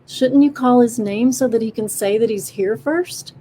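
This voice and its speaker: A woman's voice: fairly high pitch, moderate pace, dark tone, a little hiss or hum, natural voice. A woman voicing a shy opossum in a storybook, hesitant and careful with details. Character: shy but confident opossum. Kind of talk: storybook character voice.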